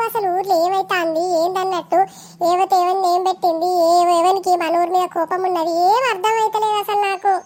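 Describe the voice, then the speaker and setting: A woman voicing a bossy village wife in a cartoon, scolding brusquely in a Telangana accent. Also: extremely high pitch. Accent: Telangana Telugu. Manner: scolding, brusque, rapid-fire. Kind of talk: cartoon voice acting.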